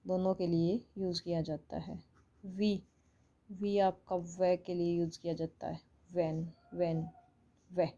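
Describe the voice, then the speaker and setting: A woman's voice: fairly low pitch, fairly even intonation, a little slow, warm tone, lo-fi sound. A woman with an Indian accent teaching English phonics online, explaining patiently and repeating each sound.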